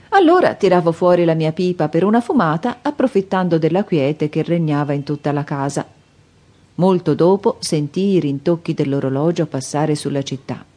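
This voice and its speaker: Female audiobook narrator, calm and steady, lower-pitched voice.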